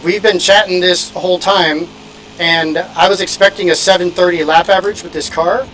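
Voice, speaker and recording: A man from Indiana chatting quickly and casually while sim racing on stream, laughing often. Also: sits high, steady tone, a bit bright, a little hiss or hum, low-quality recording. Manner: fast-talking, laughs often. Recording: music playing in background.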